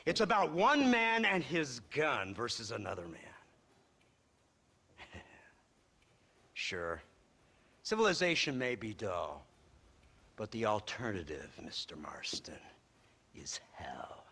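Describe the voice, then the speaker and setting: A man's voice: on the low side, big pitch swings, slow, long pauses, bright, forceful tone, slightly rough, full character voice. An actor playing a condescending, cynical lawman villain in a western video game, lecturing sardonically. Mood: mocking, lecturing. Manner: sardonic, drawling lectures broken by chuckles. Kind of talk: video game cutscene monologue.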